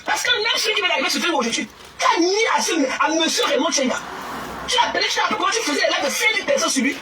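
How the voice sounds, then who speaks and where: A woman scolding and mocking someone in an angry, shouting rant, often stammering and repeating herself. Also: very high voice, very animated, very fast. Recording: distant mic with loud background noise.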